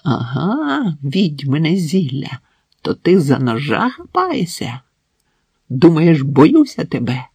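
A man reading an audiobook, voicing a drunk, brutal husband who speaks slowly and with mocking menace. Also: fairly high pitch, huge pitch swings, darkish tone, slightly rough, no room sound, clean studio sound, exaggerated voice. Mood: menacing. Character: drunk, brutal middle-aged husband, sneering. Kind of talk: audiobook narration.

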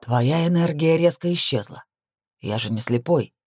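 A woman reading an audiobook, voicing a stern, fatherly male military commander in a lowered, measured tone. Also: animated, a little mellow, dry recording, studio quality.

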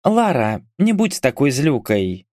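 A man's voice: mid-range voice, big pitch swings, slow, darkish tone, dry recording, studio quality. A man voicing a friendly young girl clerk. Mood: coaxing. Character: short long-haired young woman, friendly.

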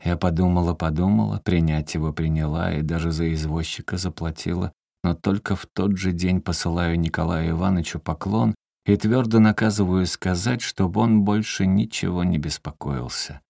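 A man reads a first-person story aloud with a very deep, low voice. He reads expressively and lifts his pitch sharply for heated quoted lines. The recording is dry and close, with no room sound. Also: moderate pace, gravelly, few pauses, no echo. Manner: expressive reading, rising sharply in quoted outbursts. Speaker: audiobook reader.

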